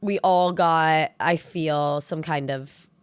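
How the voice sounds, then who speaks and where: A young woman co-hosting a podcast while sick with a cold, with congested vocal fry, rambling with lots of "like". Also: sits low, steady tone, takes it slowly, no room sound. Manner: rambling, heavy use of "like". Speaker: podcast co-host. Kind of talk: casual chat.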